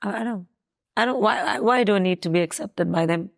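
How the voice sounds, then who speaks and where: A woman's voice: medium pitch, a little fast, gravelly. A woman in her thirties from South Africa, talking casually as an interview guest, hesitant with many fillers and restarts.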